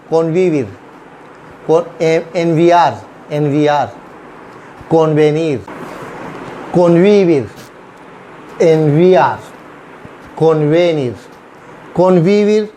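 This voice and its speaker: A man's voice: high-pitched, mellow, slight background noise. A man with a Pakistani Urdu accent teaching a language lesson, saying each word over and over for practice. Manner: slow, repeats words over and over for drill.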